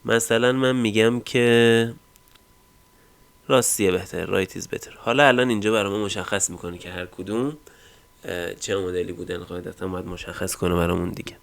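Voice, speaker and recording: A man hosting a casual screen-recorded software tutorial, explaining step by step with frequent fillers and trailing line ends. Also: lowish voice, level tone. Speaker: tech tutorial host.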